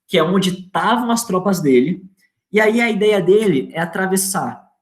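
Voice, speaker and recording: A history teacher with a Brazilian accent giving a casual lecture, speaking in an informal, slangy way and asking students rhetorical questions. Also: medium pitch. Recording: echoey room.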